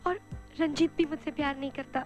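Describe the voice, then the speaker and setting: An actress playing a shy, insecure young woman student who speaks softly and pleads, in film dialogue. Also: sits high, fairly even intonation, a little fast, lo-fi sound, soft background music, natural voice. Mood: pleading.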